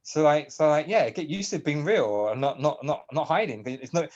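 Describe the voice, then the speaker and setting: Guest, male, higher-pitched, rambling and emotional, muffled lo-fi call audio. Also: moderate pace, darkish tone. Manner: rambling, emotional, laughs often. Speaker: guest on a community video call. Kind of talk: casual chat.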